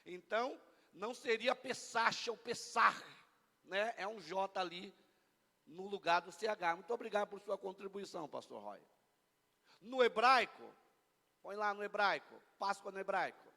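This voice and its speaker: High-voiced Brazilian pastor in echoey church. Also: male voice, expressive, a little slow, creaky, bright, forceful tone. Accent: Brazilian Portuguese. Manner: playful, bantering with the congregation. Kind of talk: lively Easter sermon. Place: church hall. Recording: long church hall reverb.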